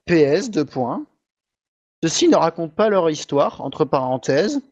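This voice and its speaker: A man's voice: on the high side, very animated, a little slow, a little mellow, dull audio, exaggerated voice. A man putting on a half-robotic voice to dictate a text aloud, reading out every punctuation mark like a machine in a comic video. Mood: grumbling. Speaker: YouTuber.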